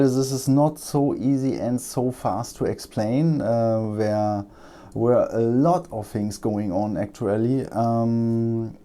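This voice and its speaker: A German man with a German accent talks casually through a laptop repair at his bench, his voice mid-range and mellow. He's a repair technician making a relaxed vlog, and his delivery is halting, full of ums and uhs as he works.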